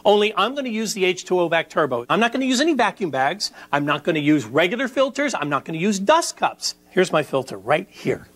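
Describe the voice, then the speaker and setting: A middle-aged man presenting a product demonstration pitch, emphatic, with punchy repeated phrases. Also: very animated, a little fast, hardly any pauses, a bit bright. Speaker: infomercial presenter. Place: furnished living room indoors.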